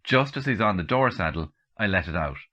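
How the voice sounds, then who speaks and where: An Irish man with a deep yet bright voice reads a comic story in the first person. He tells it dryly, dropping deadpan asides along the way. The recording sounds dull and lo-fi. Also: a little fast. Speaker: comedian and author reading.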